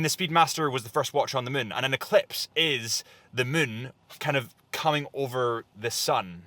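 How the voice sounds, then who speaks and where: A man's voice: mid-range voice, pushed and bright, no room sound. A man hosting a casual travel vlog outdoors in the snow, chatty and enthusiastic, laughing often. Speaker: host. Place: outdoors in snowy, cold landscape.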